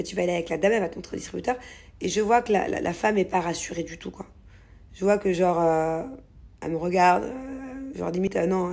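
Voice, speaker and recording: Woman, gravelly voice, casual rambling vlog story, lots of fillers. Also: mid-range voice, darkish tone. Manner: chatty, rambling with many fillers. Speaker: vlogger.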